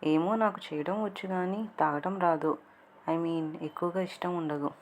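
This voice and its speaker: Woman narrator doing a caring young boyfriend, tender and low-voiced, faint hiss behind. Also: fairly even intonation, moderate pace, close to an everyday voice. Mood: teasing. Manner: soft, pleading and tender. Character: gentle caring young man, the lover.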